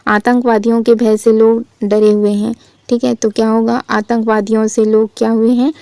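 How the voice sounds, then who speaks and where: A woman teaching a Hindi grammar lesson for exam practice. She reads out sentences, asks her own questions and answers them in a steady, teacherly way. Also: fairly high pitch, normal speed, no echo. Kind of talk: exam-prep lesson, reading and correcting sentences.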